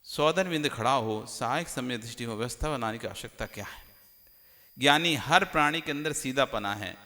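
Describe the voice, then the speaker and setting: A man, a monk, giving a sermon, questioning the audience directly, with a lively swing between loud and hushed delivery. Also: mid-range voice, moderate pace. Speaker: Jain monk preacher. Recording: long hall reverb.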